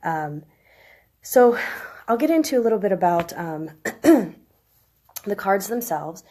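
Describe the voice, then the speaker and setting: A woman in her thirties with a chest cold, hoarse with a smoker's rasp, giving a halting, informal explanation on a live stream. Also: mid-range voice, big pitch swings, dark tone. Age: 30s. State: chest cold, coughing and clearing throat. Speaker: live stream host, tarot reader. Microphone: phone.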